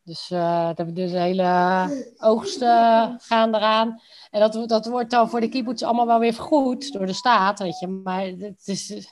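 A woman's voice: fairly high pitch, steady tone, a little slow. Informal woman with a Rotterdam accent. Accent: Rotterdam Dutch. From Rotterdam, Netherlands. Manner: informal and colloquial. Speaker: interview guest. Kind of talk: casual conversational interview answers.

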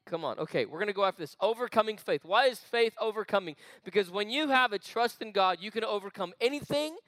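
A man preaches to a young crowd in a loose, chatty way, throwing in asides and quick questions. His voice sits high and swings widely in pitch. The sound is dry and close. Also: animated, a bit bright, dry recording. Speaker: youth pastor. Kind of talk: energetic sermon. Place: church meeting room.

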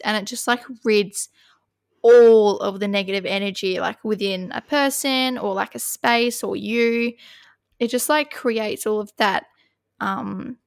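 A woman co-hosting a podcast in casual chat, talking fast and loose with lots of fillers. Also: medium pitch, creaky, no room sound, clean studio sound. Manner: chatty, filler-heavy, many "like"s. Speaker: podcast co-host.

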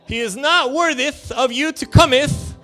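A male pastor doing a comic voice of a pompous male elder who recites in mock old-fashioned English, shrill and theatrical. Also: normal speed, sharp tone, soft background music. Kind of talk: comic sermon impression.

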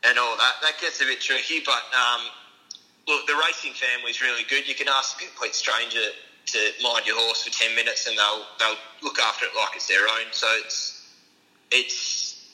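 Man, Australian accent, very bright and cutting tone, mid pitch, casual interview answers, informal, understated. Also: fairly even intonation, normal speed, low-quality recording. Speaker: racehorse strapper, interview guest.

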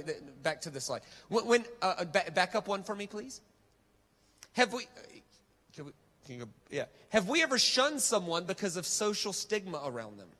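A male preacher delivers a conversational yet emphatic sermon. His voice sits high and has a bright, forceful edge. He drives points home with repeated phrasing, and the sound rings through a reverberant hall. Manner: emphatic, conversational, rhetorical repetition. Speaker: visiting preacher. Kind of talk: sermon with slides. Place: large reverberant church hall.

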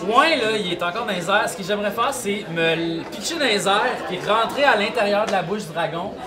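A man with a Quebec French accent, a player at a live tabletop game, talking in a playful, excitable way. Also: high voice, a little fast. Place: large hall before a live audience. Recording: live hall with crowd noise.

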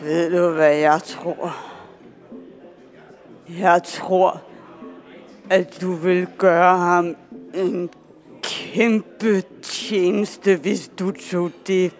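Man voicing a probing, persuasive barroom stranger, high male voice, radio drama. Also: fairly even intonation, pauses often. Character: pushy male bar acquaintance, knows the father. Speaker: stranger at a bar.

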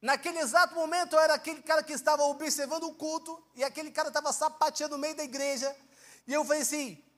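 A young Brazilian man preaching with a strikingly high voice. He tells a testimony as a story, acting out his old words and turning to the congregation again and again with questions. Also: fairly even intonation, fast talker, a bit bright. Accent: Brazilian Portuguese. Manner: keeps asking the congregation questions; storytelling, acts out his own past words. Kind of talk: sermon with personal testimony.

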